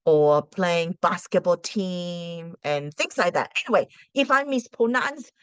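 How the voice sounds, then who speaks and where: A female teacher whose first language is Cantonese chats with parents, offering casual advice packed with rhetorical questions and restarts. Her voice is lowish and a bit bright, with lively intonation and an unhurried pace. The tone is clean, with no room sound.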